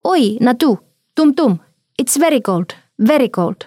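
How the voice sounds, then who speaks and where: A woman's voice: high-pitched, lively intonation, darkish tone, dry recording, clean studio sound, pitched above the performer's own voice. A woman voicing a small, innocent toddler girl who exclaims in a childlike way. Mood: pleading.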